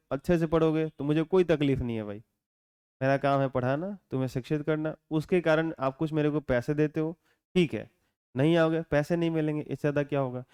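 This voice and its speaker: A man with a Bihari accent teaching a class, talking calmly and without hurry, often asking the students to answer back. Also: on the high side, smooth. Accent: Bihari Hindi. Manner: calm, unhurried, keeps asking students to answer.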